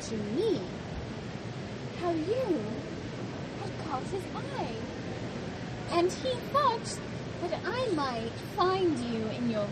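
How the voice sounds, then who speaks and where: A woman's voice: very high voice, very noisy, voice pushed down, heavily acted. A woman voicing a sly cat burglar who feigns innocence, hesitant, coaxing and flowery, in a tabletop role-play.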